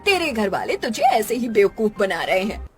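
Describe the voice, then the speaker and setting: A woman voicing a scheming, gossiping aunt in an animated cartoon, speaking in a sly, coaxing tone. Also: medium pitch, moderate pace, faint music behind, natural voice.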